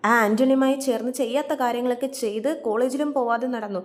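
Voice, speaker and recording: A woman voicing a blunt young woman who reproaches and then smooths things over. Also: a little high, steady tone, fast, natural voice. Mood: reproachful.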